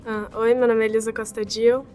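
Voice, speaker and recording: A woman's voice: on the high side, level tone, fairly quick, mellow, soft background music. A young woman, an exchange student in an interview testimonial, chatty and often adding "sabe?". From southern Brazil. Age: young adult. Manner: chatty, ends phrases with "sabe?". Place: indoor campus building.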